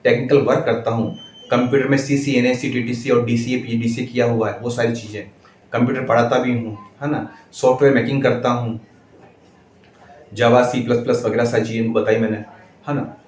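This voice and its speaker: A male schoolteacher telling viewers a story in a measured, deliberate way, with steady pauses, addressing them as friends. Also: mid-range voice, reverberant, slight background noise. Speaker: schoolteacher and channel host.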